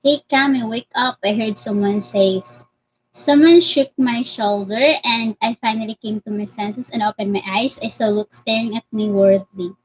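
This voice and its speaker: A woman's voice: mid-range voice, steady tone, normal speed, low-quality recording. A woman with a Filipino accent reading a story aloud, stopping for giggly side comments with many fillers and restarts. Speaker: story reader.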